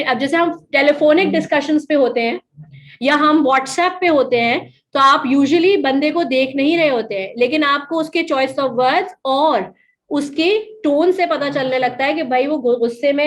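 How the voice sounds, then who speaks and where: A woman's voice: high-pitched, normal speed, low-quality recording. A woman giving a classroom lecture in Hindi mixed with English, asking her students questions and answering them.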